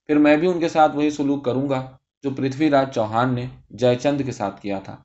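A man voicing an earnest young man who speaks softly and persuasively to his beloved, on a dull recording. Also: medium pitch, fairly even intonation, close to an everyday voice. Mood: tender. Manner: soft, affectionate, persuasive. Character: earnest young man, tender and reassuring lover.

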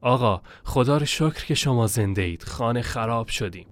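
A man's voice: mid-range voice, lively intonation, pitched above the performer's own voice, natural voice. A male storyteller voicing a carefree grown man who guides a desert caravan and respectfully calls the narrator sir. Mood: worried.

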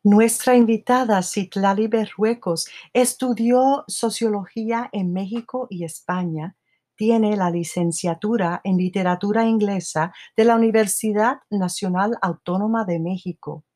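A woman's voice: mid-range voice, a little mellow. A woman hosting a podcast with a New York Spanglish accent, chatting casually, laughing often and slipping into English. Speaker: podcast host.

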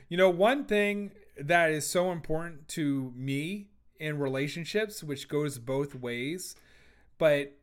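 Profane, rambling man hosting a podcast. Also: a little high. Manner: rambling, profane, jokey, with frequent fillers and restarts. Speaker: podcast host. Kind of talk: casual solo podcast monologue.

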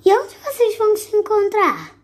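A woman voicing a sly, inviting snake in a read-aloud storybook, high and sing-song. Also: wildly swooping pitch, moderate pace, heavily acted. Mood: coaxing.

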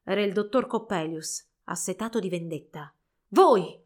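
A woman reads a storybook aloud in an expressive, measured way. Her voice sits fairly high. She paces the tale with care. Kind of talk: storybook narration.

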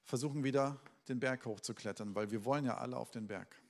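German pastor preaching with dramatic swings. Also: male voice, medium pitch, fast, vocal fry. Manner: dynamic preaching, swinging between loud outcries and quiet, hushed asides; addresses the congregation directly with questions. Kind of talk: sermon.

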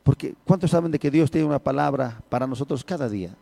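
Gravelly-voiced preaching man. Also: fast, no room sound. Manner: repeats words, swings between raised emphatic lines and low quiet ones. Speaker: pastor. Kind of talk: preaching a sermon.

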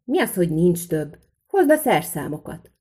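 A woman voicing a gruff, commanding village blacksmith who barks orders. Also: on the low side, steady tone, mellow, lightly acted. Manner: barking orders.

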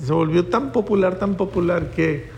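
A man's voice: high-pitched, normal speed, gravelly. A male preacher giving a sermon in a hall, telling stories animatedly and addressing his audience directly.

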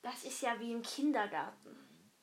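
A young woman playing a quote-guessing game in casual chat, excitable and prone to loud outbursts. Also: on the high side, moderate pace. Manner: excitable, bursts into loud cries. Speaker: quiz player.

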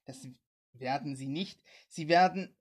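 A worried man speaks insistently, trying to get help for a stranger he hears over the radio. A woman reader voices him in her own low, husky tone. His delivery is agitated and urgent. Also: measured pace, a little mellow.

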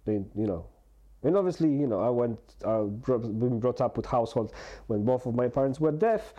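A man in his forties talking candidly in a conversation, halting and earnest, with many restarts and fillers. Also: mid-range voice, mellow, highs cut off. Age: 40s. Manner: earnest and open. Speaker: guest.

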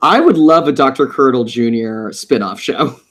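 A man's voice: medium pitch, expressive, normal speed, a bit bright. A man co-hosting a casual show recap, playful and jokey. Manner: playful, jokey, puts on silly voices. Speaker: podcast co-host.

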